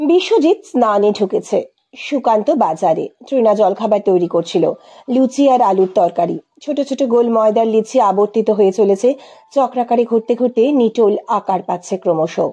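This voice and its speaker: Breathy woman narrating a story. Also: on the high side. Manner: measured, expressive reading.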